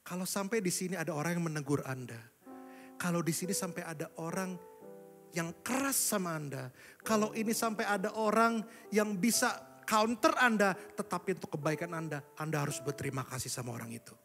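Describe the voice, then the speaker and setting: A young preacher, voice on the higher side, delivers a lively sermon. He swings from loud exclamations to quiet asides aimed at the congregation. Recorded live in a large church hall with a long reverb and soft instrumental music underneath. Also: fairly quick.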